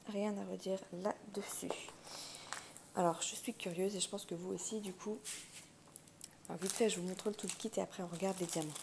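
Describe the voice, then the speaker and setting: Woman with gravelly vocal fry, chatting casually. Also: lowish voice, fairly even intonation, fast. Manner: chatty, thinking aloud. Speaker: craft unboxing host. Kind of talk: casual unboxing chat. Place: indoors at a wooden table. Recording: handling clicks and crinkling noise. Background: crinkling plastic, clicks.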